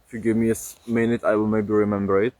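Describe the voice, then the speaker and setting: Hosting a livestream, a young Czech-accented man talks casually in English, his second language, halting often with fillers and restarts. His pitch is fairly low and a little mellow, his delivery flat. The recording has no echo.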